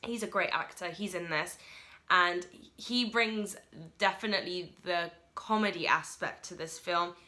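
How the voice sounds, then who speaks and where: Woman rambling through a movie review, bright voice, lots of likes and ums. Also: fairly low pitch. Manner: rushed, chatty, lots of fillers. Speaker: film reviewer. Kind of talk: casual solo film review.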